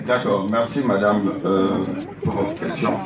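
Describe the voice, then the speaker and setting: A man's voice: fairly low pitch, unhurried, recorded from a distance, over a noisy crowd. Emphatic man debating, echoey hall. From Congo. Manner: emphatic, rising to animated insistence. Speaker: party leadership candidate. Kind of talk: political debate. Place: large meeting hall.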